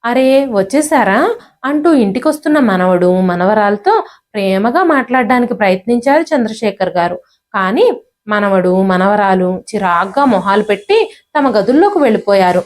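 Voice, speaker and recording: A woman reading a moral story aloud as a narrator, in a steady, even storybook style. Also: mid-range voice, normal speed.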